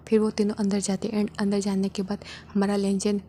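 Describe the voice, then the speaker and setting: Woman narrating a fan story, mellow. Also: mid-range voice, completely flat delivery, brisk, a little hiss or hum. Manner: casual, rambling retelling.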